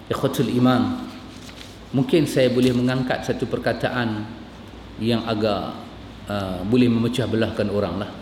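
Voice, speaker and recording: A Malaysian man preaching a sermon as a religious teacher, his voice climbing with emotion and slowing to recite Arabic. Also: a little mellow. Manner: impassioned, pitch climbing as he retells scenes, Arabic recited slowly. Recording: echoey hall with long reverb, faint room noise.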